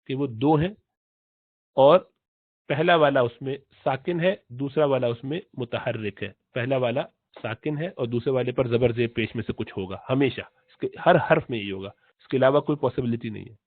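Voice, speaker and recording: A man's voice: medium pitch, dry recording. Man teaching Quran pronunciation over tinny audio. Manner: explains slowly, repeats letter sounds, drawn-out chanted recitation. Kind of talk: tajweed lesson in Urdu. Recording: tinny phone-like audio, dry.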